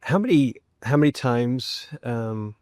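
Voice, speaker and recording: A man's voice: medium pitch, lively intonation, takes it slowly, darkish tone, no room sound, clean studio sound. A man on a fishing podcast chatting casually with a joking, self-deprecating manner. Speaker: guest angler. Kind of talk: casual chat.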